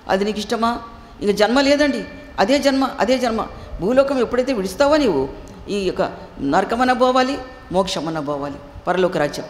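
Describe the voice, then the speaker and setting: A woman preacher delivering an emphatic sermon with a Telugu accent, repeating phrases and asking the listeners rhetorical questions. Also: a little high. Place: church hall. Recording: echoey hall with faint noise.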